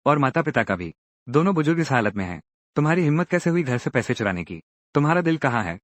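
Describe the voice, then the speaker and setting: Male recap narrator, mid-pitched and very lively, dry close sound, acts out all the parts. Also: fast, no room sound. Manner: lively, acts out each character's lines in turn. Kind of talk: dramatic Hindi recap narration voicing every character.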